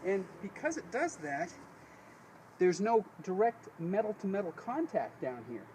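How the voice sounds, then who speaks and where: A high, sing-song, darkish voice, a little slow, belongs to an American DIY video host. Standing outside next to a vehicle, he demonstrates a task in a folksy, rambling way, frequently correcting himself, and the camera audio is noisy.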